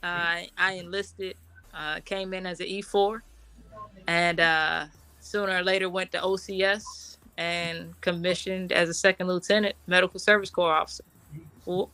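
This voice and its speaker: Guesting in a casual interview, this middle-aged woman from Washington, D.C., who serves as an Army officer, keeps things chatty, laughing often and using plenty of fillers. She speaks at normal speed in a lowish, clear, resonant voice.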